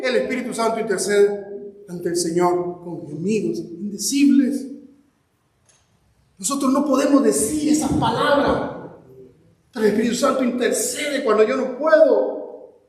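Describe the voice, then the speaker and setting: High-voiced pastor preaching in an echoey hall. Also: male voice. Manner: impassioned preaching, rises to shouts, addresses the congregation directly. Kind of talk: sermon. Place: church hall. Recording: echoey hall with long reverb.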